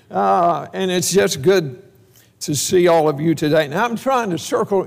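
A man's voice: sits high, creaky. A man, preaching a homecoming sermon as pastor and telling folksy, joking stories. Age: 70s. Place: church sanctuary. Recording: reverberant church hall.

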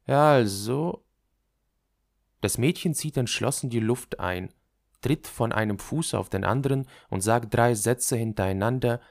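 A man narrating an audiobook in a measured, literary reading. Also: lowish voice, no echo, studio quality.

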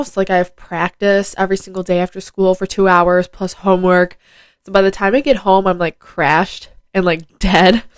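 A fifteen-year-old girl hosts her own solo podcast at home on a mic plugged into her phone, chatting casually with lots of fillers. A head cold makes her sound nasal and stuffed up, though her mid-range voice is smooth and has no echo.

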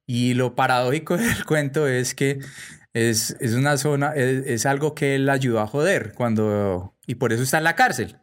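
A young Colombian man hosts a loose commentary show in an easy, conversational way. His voice sits at an ordinary middle pitch. He keeps checking in with his listeners as he talks. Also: moderate pace. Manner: chatty, peppers speech with "pues" and "¿cierto?". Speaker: host. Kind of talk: casual commentary monologue.

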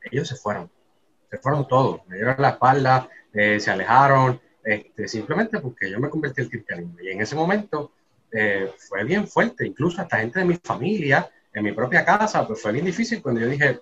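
A man's voice: mid-range voice, fairly bright tone. Man, conversational testimony, earnest, keeps checking the listener follows; dull lo-fi recording with faint noise. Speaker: guest sharing a faith testimony. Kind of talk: personal testimony in casual conversation.

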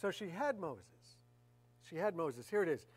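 A woman's voice: on the low side, sing-song, normal speed, darkish tone, slightly rough, dry recording. Woman, preacher, sermon, conversational, repeats phrases for emphasis.

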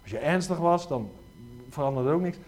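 Animated preacher, lively pitch. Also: male voice, moderate pace. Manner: animated, frequent rhetorical questions. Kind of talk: lively sermon.

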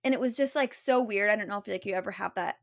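A young woman, a podcast guest, retelling her story in a casual, animated way, acting out what others said, with many fillers. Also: mid-range voice, quick pace, no room sound, studio quality. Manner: animated retelling with many likes and quoted voices.

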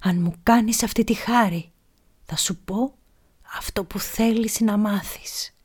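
A woman's voice: mid-range voice, fairly even intonation, warm tone, lightly acted. A woman voicing a dying old pirate, speaking faintly in a whisper in a storybook. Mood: feeble. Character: dying old male pirate, weak and sly.

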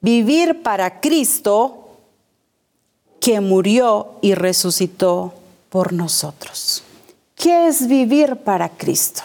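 A woman's voice: fairly high pitch, darkish tone. A woman preaching a sermon to her congregation, speaking emphatically, repeating key phrases and asking rhetorical questions.

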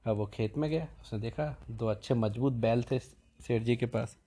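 A man's voice: medium pitch, normal speed, breathy edge. A man with a Madhya Pradesh Hindi accent, casually narrating a funny folk tale in a repetitive oral style. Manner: relaxed, repetitive oral storytelling. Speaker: storyteller.

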